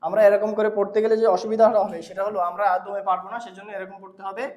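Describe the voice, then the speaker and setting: A man with a high voice teaches recitation, pointing out mistakes and chanting each verse slowly. His voice rings in an echoey room. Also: little pitch movement, darkish tone. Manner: explains errors then chants verses slowly. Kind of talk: recitation lesson correcting pronunciation.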